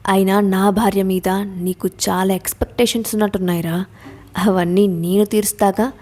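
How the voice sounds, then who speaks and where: A woman's voice: mid-range voice, steady tone, normal speed, darkish tone, natural voice. A woman reading a cruel, menacing man. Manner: threatening, taunting.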